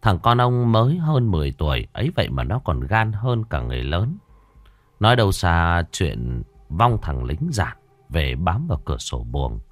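A man narrating a ghost story as a storyteller, slow and expressive. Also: deep voice, husky.

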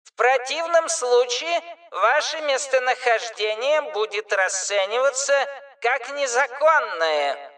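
A woman voicing a stern mechanical announcer that delivers formal, officious warnings in a slow, clipped way. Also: on the high side, a bit bright, recorded from a distance, voice pushed up. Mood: threatening.

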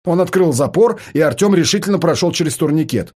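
Husky, expressive male narrator. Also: a little high, a little fast. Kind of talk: audiobook narration.

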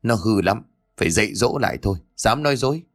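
A man doing a gruff short-tempered father. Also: on the low side, expressive, quick pace. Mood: angry. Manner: scolding, harsh.

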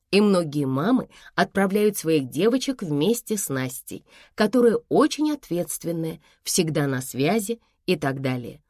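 A woman narrating a first-person story in an expressive, conversational way. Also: lowish voice, dry recording, clean studio sound.

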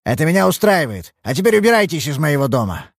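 Doing a full character voice, a male narrator plays a hostile old man, shrill, quavering, self-pitying and easily angered. Husky and sing-song, the voice lands well above his natural pitch and swings widely. The recording is dry and close, with no room around it.

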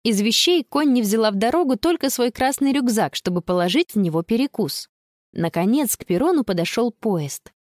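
A woman narrating a children's audiobook in an expressive storytelling voice. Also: fairly high pitch, normal speed, no room sound, clean studio sound.

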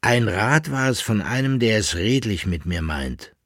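A man's voice: on the low side, expressive, slow, husky, no room sound, studio quality, pitched above the performer's own voice, full character voice. A man voicing an anxious, gout-ridden older patron who speaks urgently and secretively. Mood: uneasy.

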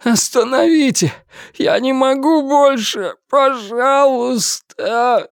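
A tortured young prisoner begs through sobs, his voice cracking and climbing high, as a male narrator puts him on. The tone stays gravelly and strained. The sound is close and dry. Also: lively intonation, very slow, darkish tone, no echo, exaggerated voice. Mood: pleading, screaming. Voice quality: strained, breaking voice. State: crying.

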